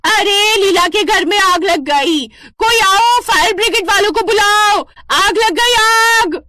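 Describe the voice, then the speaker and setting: A woman's voice: medium pitch, normal speed, close to an everyday voice. A woman voicing a dramatic, gossipy middle-aged neighbor in a cartoon story. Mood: alarmed. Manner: loud and alarmed, shouting.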